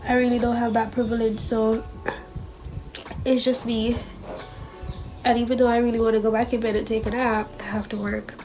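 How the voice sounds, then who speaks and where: A woman's voice: a little high, flat delivery, moderate pace, pauses often, darkish tone, faint music behind, low-quality recording. A young woman talking casually as a vlogger, her nose stuffed up, chatty and candid about being stressed. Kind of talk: casual vlog chat.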